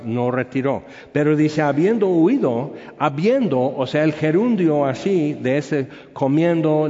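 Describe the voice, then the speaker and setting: A man's voice: fairly high pitch, darkish tone. A man teaching a Bible study class in a conversational way, often checking in with his listeners. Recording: echoey hall, dull sound.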